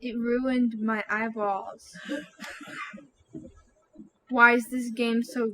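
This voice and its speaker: A woman's voice: fairly high pitch, level tone, drawn-out words, a bit bright, a little hiss or hum, poor audio. A young adult woman chatting casually about a video game as a co-host. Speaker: gameplay co-host.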